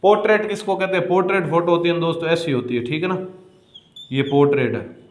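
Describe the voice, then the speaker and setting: A male coaching teacher with a Rajasthani accent and a slightly raised voice lectures on history. He stretches key words slowly as he writes and asks questions that he answers himself. The classroom leaves a clear echo on his voice. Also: a little high, fairly even intonation.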